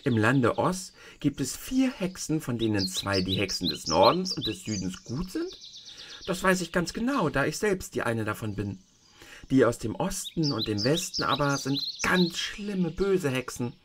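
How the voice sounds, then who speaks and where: A man reading a storybook aloud and voicing a tiny, kindly old woman who is the good witch, softly and higher than his own voice. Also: very animated, normal speed, background noise, lightly acted. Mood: gentle. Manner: soft, gentle storyteller voice raised higher.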